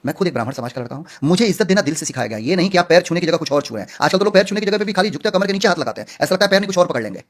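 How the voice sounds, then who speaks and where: A man answering interview questions as a film actor, speaking earnestly and outspokenly with emphatic stresses. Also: a little high.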